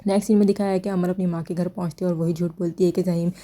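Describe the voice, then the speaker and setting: Flat, dark-voiced woman recapping a drama. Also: fairly low pitch. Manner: steady retelling of scenes with critical asides. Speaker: drama reviewer. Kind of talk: drama episode recap and review.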